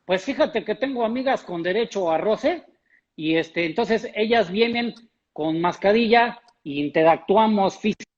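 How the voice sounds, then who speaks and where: A man voicing a cocky, earthy, boastful womanizer puppet with a high voice and an R he cannot pronounce. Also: lively intonation, normal speed. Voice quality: high-pitched. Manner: cannot pronounce R, speech impediment. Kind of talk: comic improvised character interview. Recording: dull lo-fi sound.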